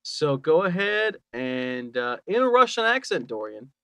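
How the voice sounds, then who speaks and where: A man's voice: on the high side, very animated, unhurried, fairly bright tone, clean tone, no echo. A man co-hosting a podcast in casual chat, presenting segments in an upbeat, emcee-like way. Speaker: podcast co-host.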